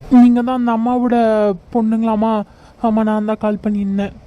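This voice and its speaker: A woman voicing a kind middle-aged man in a cartoon who reports an accident gently and with sympathy. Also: fairly high pitch, little pitch movement, fairly quick, lo-fi sound, a little hiss or hum, natural voice. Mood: concerned.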